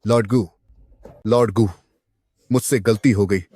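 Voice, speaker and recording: A man's voice: on the low side, fairly even intonation, unhurried, warm tone, a little hiss or hum, natural voice. An actor dubbing a frightened man who stammers and begs forgiveness. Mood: pleading. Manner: pleading, stammering. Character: terrified grovelling male underling.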